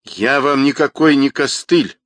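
A man's voice: medium pitch, big pitch swings, takes it slowly, a bit bright, breathy edge, no room sound, voice pushed up, heavily acted. A man reading aloud and voicing a man woken at night by a call, who answers dryly and reluctantly. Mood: angry. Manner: dry, reluctant, then sharply protesting.

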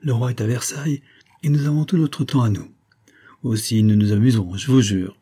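A man's voice: mid-range voice, moderate pace, mellow, husky, natural voice. Man voicing a carefree, teasing young officer. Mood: playful. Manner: playful and teasing. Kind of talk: audiobook character voice.

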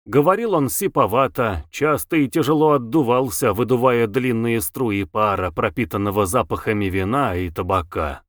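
A man's voice: mid-range voice, moderate pace, hardly any pauses, fairly bright tone, dry recording. Man reading an audiobook, dry close sound. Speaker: narrator. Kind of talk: audiobook narration.

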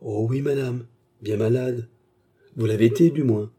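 A man's voice: medium pitch, fairly even intonation, normal speed, dark tone, slightly rough, natural voice. A man doing a two-faced maid. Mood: feigned sorrow. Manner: sugary, feigning sorrow. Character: scheming young maid, falsely tender. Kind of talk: audiobook reading.

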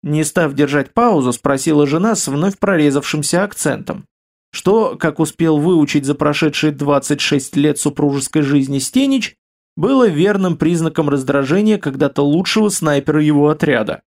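A male audiobook narrator reading steadily in a measured way. His voice sits a little higher than most men's. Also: animated, a little mellow.

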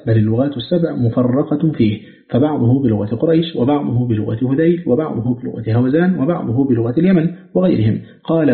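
A man reads a scholarly text aloud in a measured, formal manner and slows to chant each quoted verse. His voice sits in an ordinary middle pitch. The recording is thin and phone-like, with a roomy echo around it. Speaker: audiobook reader. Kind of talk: reading an Islamic studies book aloud. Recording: echoey, phone-like narrow sound.

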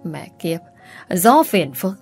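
A woman's voice: lowish voice, big pitch swings, slow, darkish tone, husky, soft background music, exaggerated voice. A woman voicing a brutal, abusive ex-husband, coarse and threatening. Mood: snarling.

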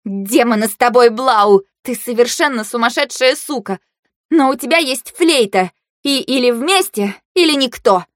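A woman voicing a fierce, foul-mouthed woman fighter who talks loudly, bluntly and in exasperation in an audiobook. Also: fairly high pitch, lively intonation, moderate pace, no echo, studio quality, pitched above the performer's own voice, natural voice. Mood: exasperated.

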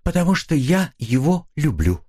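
A man's voice: a little high, sing-song, normal speed, a little mellow, voice pushed up. A man voicing a cold, impatient wife who answers in a curt, dismissive manner. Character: cold, impatient wife leaving her husband, adult. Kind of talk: audiobook character voice.

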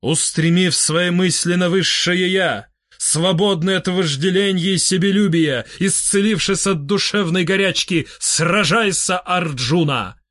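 A man's voice: high-pitched, a little slow, hardly any pauses, a bit bright, no room sound, clean studio sound, pitched above the performer's own voice. A man reading an audiobook, voicing a disembodied voice that declaims a scripture verse solemnly.

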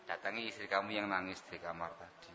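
A man preaching a sermon, acting out household scenes and swinging between loud outbursts and hushed asides. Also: low voice, fairly even intonation, fast, in a large hall, muffled recording, noisy background.

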